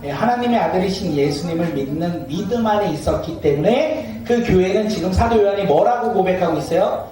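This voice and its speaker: A man's voice: sits high, animated, brisk. A man preaching a sermon as pastor, asking his congregation questions and acting out everyday scenes with laughter. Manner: asks the congregation questions and waits for replies. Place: church sanctuary. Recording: echoey church hall from a distance.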